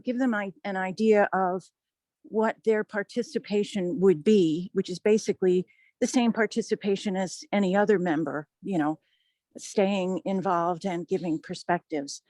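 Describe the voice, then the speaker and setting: A woman judge in a meeting, talking over a phone line in a measured, polite, explanatory way. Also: medium pitch, fairly even intonation, a little mellow, no room sound. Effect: heard over a phone line. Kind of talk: meeting discussion.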